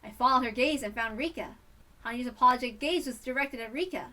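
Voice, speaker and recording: A woman reading a visual novel aloud in an animated, expressive way, a bit off-mic. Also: fairly high pitch, fast, distant mic. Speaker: reader.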